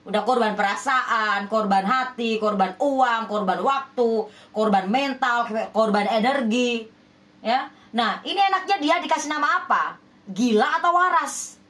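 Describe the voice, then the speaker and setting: A spiritual healer giving love readings speaks directly to viewers about their relationships, emphatic, scolding and persuasive. Her high voice is unhurried and a bit bright, and she keeps repeating rhetorical questions like "ya kan?"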